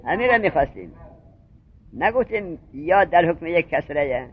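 A man's voice: on the high side, big pitch swings. A man teaching a seminary grammar class, who drills his students with questions and repeats each point. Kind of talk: classroom lecture on Arabic grammar. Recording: muffled lo-fi lecture recording.

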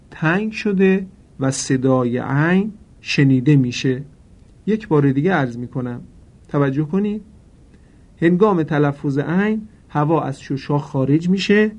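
A man teaching correct pronunciation for Quran recitation, addressing listeners formally and drawing out example words slowly and carefully. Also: fairly high pitch, darkish tone. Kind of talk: instructional lesson.

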